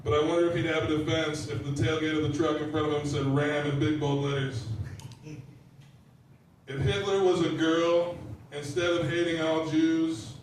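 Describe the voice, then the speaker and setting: A man doing a stand-up comedy set of deadpan one-liners to a live audience in a lounge bar. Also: fairly high pitch, moderate pace, slight background noise. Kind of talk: stand-up set at an open mic. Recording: very echoey room from far off.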